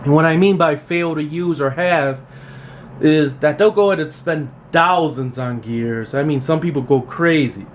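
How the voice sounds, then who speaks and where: This radio repair technician hosts a tool tutorial, talking informally and without a script. His voice is fairly high and his pace normal, and he is plain-spoken and repetitive, pressing practical advice emphatically. Steady background noise and room ambience fill the recording.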